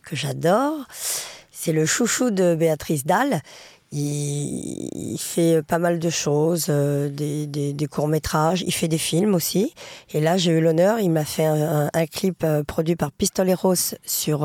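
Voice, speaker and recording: A woman singer and author talking casually in an interview, chatty and lively, with many fillers and restarts, and a French Traveller community accent. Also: low voice, unhurried, dry recording.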